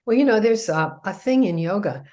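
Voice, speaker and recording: A woman co-hosting a casual chat, talking in a calm, thoughtful way. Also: medium pitch, fairly quick.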